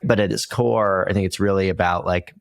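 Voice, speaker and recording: A man's voice: sits low, steady tone, brisk, vocal fry, no room sound, clean studio sound. A man hosting a podcast, reflecting aloud and agreeing with his guest. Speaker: podcast host. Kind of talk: casual interview talk.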